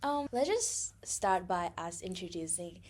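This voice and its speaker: Slow, chatty young woman podcaster. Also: fairly low pitch, lively intonation, a little hiss or hum. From Thailand. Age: young adult. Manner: chatty, laughs often, many fillers. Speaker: podcast co-host. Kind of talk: casual podcast chat.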